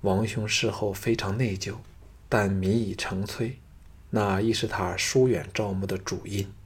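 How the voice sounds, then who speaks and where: A man's voice: fairly low pitch, fairly even intonation, unhurried, slightly rough. A man voicing a lovesick young noblewoman who begs and pleads breathlessly. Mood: pleading. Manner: breathless, imploring.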